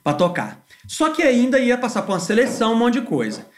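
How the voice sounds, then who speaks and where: Male musician guest, high-pitched, lively and slangy as he tells stories. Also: fairly quick, slight background noise. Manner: animated, slangy, swears freely. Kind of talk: casual podcast storytelling.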